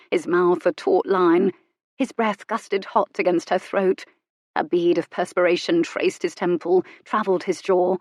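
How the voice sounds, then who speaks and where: A woman narrating a romance novel in an intimate, measured reading. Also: fairly low pitch, darkish tone, no echo, clean studio sound. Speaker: audiobook narrator.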